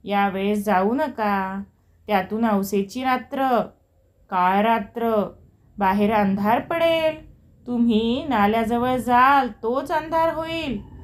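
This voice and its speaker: A woman's voice: a little high, slow pace. A woman voicing an old village woman who earnestly warns a man not to travel at dusk. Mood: cautioning. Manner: earnest, cautioning. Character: old village woman giving a caring warning.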